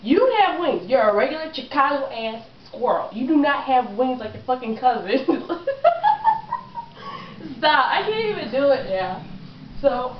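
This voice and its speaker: A woman's voice: high voice, expressive, a little slow, reverberant, a little hiss or hum. A woman telling a comic story to her cousins in a casual, profane way, often breaking into laughter, recorded from a distance in a lo-fi home video.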